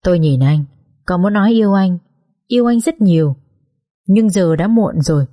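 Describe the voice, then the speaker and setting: Mellow low-voiced woman. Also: lively intonation, normal speed. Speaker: audiobook narrator. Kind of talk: emotional first-person story narration.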